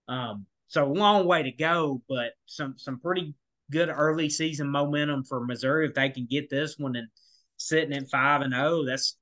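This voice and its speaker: A man's voice: mid-range voice, a bit bright. A man co-hosting a college football podcast, talking casually with lots of fillers and restarts. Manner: rambling, many restarts and fillers. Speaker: podcast co-host. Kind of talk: casual sports talk.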